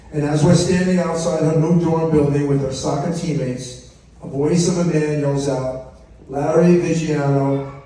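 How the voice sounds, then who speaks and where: A middle-aged man delivers a father-of-the-bride speech in a strongly echoing room, picked up from a distance. His voice is slightly high for a man, and he tells his story with humor, voicing the lines people said. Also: mellow. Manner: anecdotal storytelling, acting out quoted remarks. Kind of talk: prepared humorous wedding speech. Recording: echoey room, distant mic, faint noise.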